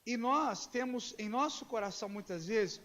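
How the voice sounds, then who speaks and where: A Brazilian pastor preaches in a church hall with a long, ringing reverb. His voice sits high for a man. He tells stories and acts out the dialogue, moving between hushed asides and emphatic declarations. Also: expressive, moderate pace. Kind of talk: sermon. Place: church sanctuary.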